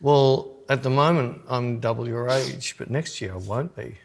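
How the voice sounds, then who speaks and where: A man in his sixties with a mid-range, creaky voice co-hosts a podcast at a moderate pace. He chats casually, trading dry, teasing banter.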